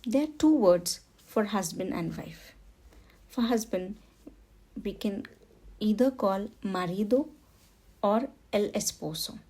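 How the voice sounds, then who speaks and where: A woman's voice: medium pitch, animated, slow pace, long pauses, warm tone. A woman teaching a beginner Spanish lesson, patiently saying each word twice for learners. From India. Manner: patient, repeats words for learners. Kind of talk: slow beginner language lesson.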